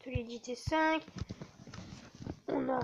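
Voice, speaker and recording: A woman's voice: sits high, fairly even intonation, takes it slowly. A woman casually walking viewers through a game server, hesitant and full of fillers. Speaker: gamer showing a server. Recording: dull lo-fi mic with faint hiss.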